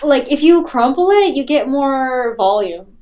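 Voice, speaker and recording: A woman co-hosting a podcast in casual chat, with wry, deadpan remarks. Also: sits high, unhurried. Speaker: podcast co-host.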